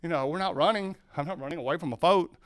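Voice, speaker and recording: Speaking fast in a slightly high voice, this southern Ohio sign language teacher delivers a loose talk. He corrects himself as he goes and questions his audience.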